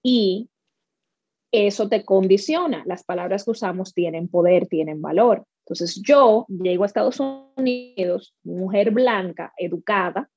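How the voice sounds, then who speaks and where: Guesting in a conversational interview, a speaker and workshop leader from the Dominican Republic tells lively stories in her Dominican accent, performing the lines she quotes. She speaks at a measured pace in a mid-range voice that is a little mellow with a breathy edge. There is no room sound, and the audio is dry and slightly dull.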